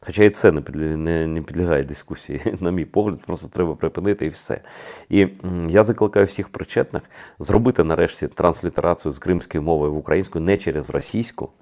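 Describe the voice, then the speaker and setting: A man with a very low, gravelly voice hosts his own video channel. He talks straight to viewers in emphatic commentary, firing rhetorical questions and often stopping to hesitate. The effect is a blunt, plain-spoken monologue. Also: fast, darkish tone.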